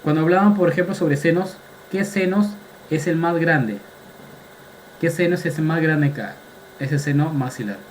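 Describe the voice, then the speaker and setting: A man's voice: fairly high pitch, moderate pace, slight background noise, rough recording. Man quizzing medical students. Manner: drills students with repeated questions, quizzing them; sprinkles casual slang among technical terms. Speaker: anatomy lecturer. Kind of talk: online medical lecture.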